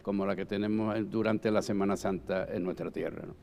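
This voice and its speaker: A man's voice: on the low side, steady tone, brisk, vocal fry, darkish tone. An older man reminisces reflectively and emphatically in a round-table talk, often checking for agreement. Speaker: panel guest, former Holy Week proclamation speaker. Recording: long hall reverb.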